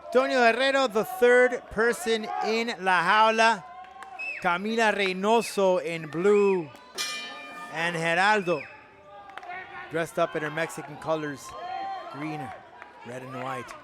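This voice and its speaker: A man's voice: sits high, takes it slowly, long pauses, noisy background. A man giving live play-by-play commentary on mixed martial arts fights. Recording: faint music and crowd behind.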